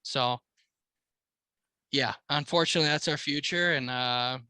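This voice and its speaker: A man's voice: mid-range voice, a little slow, pushed and bright, clear, resonant tone, no echo, studio quality. An American man co-hosting a casual podcast, talking like a slangy, swearing frat bro. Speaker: car podcast co-host.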